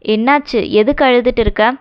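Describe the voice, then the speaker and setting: A woman's voice: on the high side, moderate pace, smooth, lightly acted. Story reading: a woman doing a brusque young man, offhand and curt, lo-fi. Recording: dull lo-fi recording.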